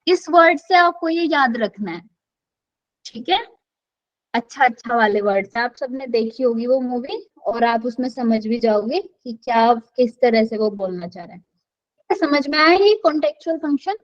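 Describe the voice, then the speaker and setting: A high-voiced woman runs an online class, calling on students by name for answers and slipping English words into her Hindi. The sound is dull and lo-fi, like an online call. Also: expressive, moderate pace. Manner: quizzes students by name, switches often between Hindi and English.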